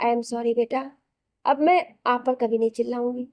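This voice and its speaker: A woman's voice: a little high, fairly even intonation, normal speed, darkish tone, no echo, close to an everyday voice. A woman voicing a tired young mother who sounds weary and exasperated.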